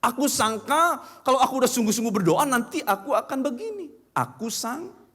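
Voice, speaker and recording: A man's voice: very high voice, animated, fairly quick, a bit bright. A male pastor preaching an emphatic sermon into a stage microphone in a church hall. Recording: long church-hall reverb.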